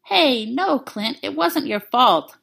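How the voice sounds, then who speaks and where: A woman reading the lines of a steady, gentle and stubborn male agent who speaks softly and reassuringly. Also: high-pitched, slow, vocal fry, husky, voice pushed up, heavily acted.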